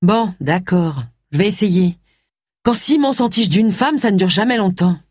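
A woman voicing a brisk, matter-of-fact middle-aged woman detective in an audiobook. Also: medium pitch, expressive, darkish tone, no echo, studio quality.

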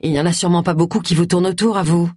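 A woman's voice: fairly low pitch, steady tone, racing, darkish tone, slightly rough, no echo. A woman reading aloud voices a cheeky, sardonic man with a dry, teasing way of talking.

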